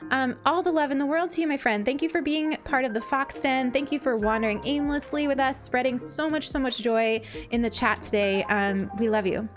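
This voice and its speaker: A woman's voice: sits high, brisk, few pauses, soft background music. A woman with a sweet, princess-like voice chatting casually on a game livestream, gushing affectionately as she thanks her viewers.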